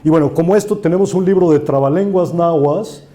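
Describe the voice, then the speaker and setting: Guy giving a lively conference talk w slides, kinda high but really dark mellow voice. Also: brisk. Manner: lively lecturing, repeating words and pointing to slides. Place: conference room.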